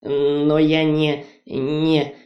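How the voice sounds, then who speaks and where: A man's voice: on the high side, close to an everyday voice. A man voicing a frightened, cowardly male cart driver who pleads in a trembling voice, on a muffled, roomy recording. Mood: pleading. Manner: pleading, hurried. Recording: muffled distant roomy recording, faint music.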